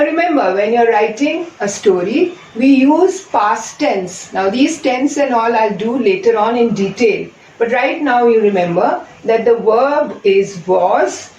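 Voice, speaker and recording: A woman's voice: on the high side, darkish tone, slight background noise. A woman teaching an English lesson, patiently explaining and repeating examples step by step. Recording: echoey room from far off.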